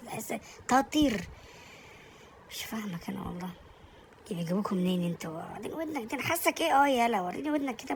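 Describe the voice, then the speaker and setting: A woman voicing a brash, mocking male pet in an Egyptian accent, taunting and bursting into shouts. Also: mid-range voice, noisy background, natural voice. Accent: Egyptian Arabic. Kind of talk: comic animal dub.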